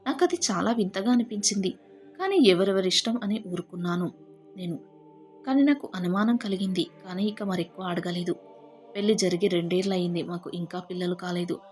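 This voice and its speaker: A woman telling a first-person family story in a steady, heartfelt way. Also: fairly low pitch, brisk. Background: faint background music.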